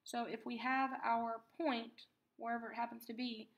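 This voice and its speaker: A woman teaching a math lesson, patiently explaining terms and repeating key words slowly for emphasis. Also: fairly high pitch, flat delivery, dull audio.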